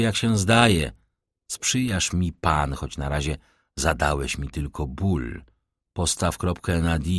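A desperate young nobleman from a storybook begs for the truth in a low, husky voice, as a man reads him out. His talk is urgent and pleading. The sound is close and dry. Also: no room sound. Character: distraught young nobleman seeking his father's killer.

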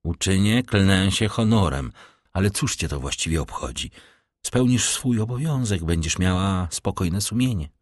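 A man's voice: deep voice, animated, moderate pace, dry recording, clean studio sound. A man reading an audiobook, voicing a resolute young man in love in an earnest, declamatory manner. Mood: ardent. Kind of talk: audiobook reading of a classic novel.

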